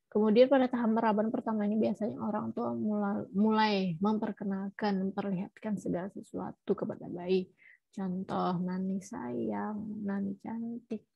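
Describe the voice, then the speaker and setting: A woman lectures in a gravelly, slightly husky voice, explaining patiently and tagging her points with little checks to her listeners. The sound is dry and a bit muffled, like a lo-fi recording. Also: mid-range voice, flat delivery, normal speed, dry recording. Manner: explanatory, frequent tag "ya", self-corrections. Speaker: teacher. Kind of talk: lecture on child language development.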